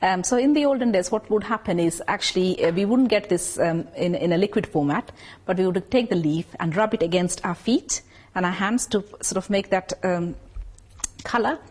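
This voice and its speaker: A woman with a mid-range, slightly mellow voice speaks for a documentary, describing a classical dance's history and customs. Her speech is full of pauses and filler words.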